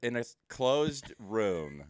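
A man's voice: mid-range voice, sing-song, slow, a little mellow, no echo. A man co-hosting a game podcast in casual chat, dry and joking. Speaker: podcast co-host.

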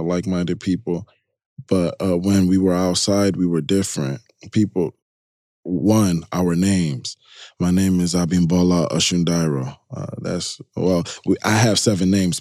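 A man from Chicago, partly raised in Nigeria, speaks as an interview guest in a low, mellow voice, explaining things conversationally and with emphasis. The audio is clean studio sound and dry.

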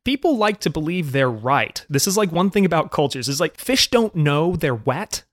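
A British-born man with an American accent talks casually, shifting between quick and slower stretches and breaking into laughter. The recording is dry and close, with no room sound. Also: fairly high pitch, no echo. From Britain. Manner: animated, laughs often, rapid asides. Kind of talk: casual chat.

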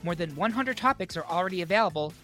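A woman's voice: lowish voice, expressive, quick pace, fairly bright tone, faint music behind. Salesy woman reading a podcast promo. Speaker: ad announcer. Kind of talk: promo read.

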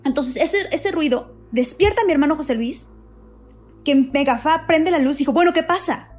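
Woman, high voice, casual storytelling, repeats herself for emphasis, faint background music. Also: normal speed. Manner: animated, repeats words for emphasis. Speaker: guest telling a paranormal experience.

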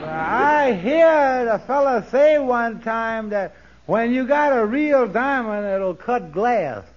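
A good-natured, slow-witted sidekick in a 1940s radio comedy. The voice is extremely high and drawling, meek and hesitant. The old recording sounds dull. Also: male voice, expressive, a little hiss or hum, heavily acted. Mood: puzzled, agreeable.

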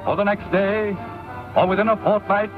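A man delivers declamatory old newsreel narration in a high voice. He is formal and dramatic, proclaiming each phrase. The sound is a thin, tinny 1930s recording with prominent music behind him. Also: steady tone, normal speed. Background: loud music.

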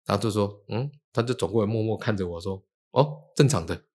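Guy rattling off a story quick, lowish voice, does the voices of people he quotes. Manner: animated, acts out quoted dialogue. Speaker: feng shui teacher. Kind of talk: casual storytelling chat.

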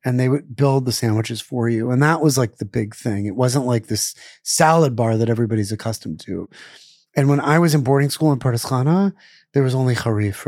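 A middle-aged chef, born in Israel and raised in Pittsburgh, rambles casually in an interview, full of fillers, restarts and self-corrections. He speaks with a medium-pitched voice, and the recording is dry and studio quality.

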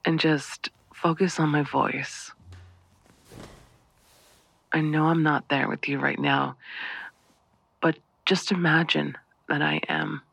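Man murmuring in slow, gravelly whispers. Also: on the high side, flat delivery. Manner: soft, breathy half-whisper, slow and lingering. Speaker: audio roleplay performer. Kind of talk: intimate whispered audio roleplay.

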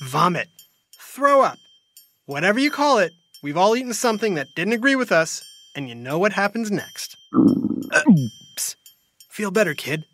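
Animated woman narrating kids' science show. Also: mid-range voice, normal speed. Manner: playful, theatrical. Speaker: host and narrator. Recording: music behind.

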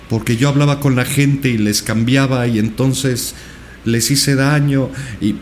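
A man's voice: mid-range voice, a little hiss or hum. A male podcast guest earnestly recounting a personal experience, with many repetitions. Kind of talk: personal storytelling in a podcast interview.

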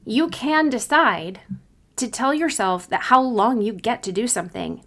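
A woman's voice: mid-range voice, fairly bright tone. A woman hosting a solo coaching podcast, talking conversationally and giving informal, encouraging advice.

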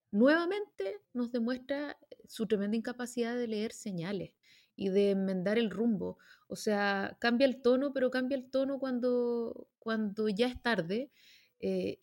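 Animated Chilean woman commentator. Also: fairly high pitch. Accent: Chilean Spanish. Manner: animated, emphatic, many fillers and restarts. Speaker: political commentator. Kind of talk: panel discussion.

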